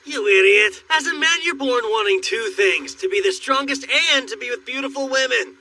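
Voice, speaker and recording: A man voicing a brash, boastful young male warrior in an anime English dub, loud and teasing, often shouting. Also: very high-pitched, moderate pace, a little hiss or hum, heavily acted. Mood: boisterous. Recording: distant voice under loud score.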